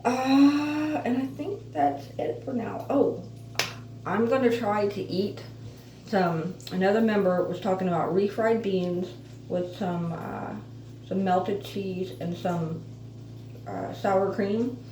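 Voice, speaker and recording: A woman with missing front teeth and softly slurred F sounds gives a casual, halting, chatty update as an earnest vlogger. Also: mid-range voice. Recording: roomy echo, distant mic, faint noise.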